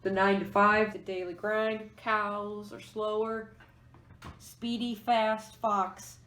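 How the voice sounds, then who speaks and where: A woman's voice: medium pitch, level tone, slow, a bit bright. A woman giving a pick-a-card tarot reading, musing aloud as she explains each card. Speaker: tarot reader. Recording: echoey room.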